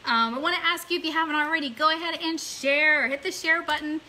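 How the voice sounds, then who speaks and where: A middle-aged online radio host speaks fairly quickly in a high-sitting voice, chatty and enthusiastic, sometimes reading aloud. The poor audio, recorded in a small room at home or in an office, has a steady hiss.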